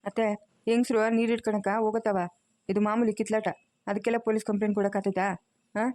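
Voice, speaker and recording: Lady playing a son-in-law in a cartoon, talks fast, mellow, sensible, dry sound. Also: medium pitch, level tone, no room sound, close to an everyday voice. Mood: coaxing. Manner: reasoning, coaxing. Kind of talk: cartoon voice acting.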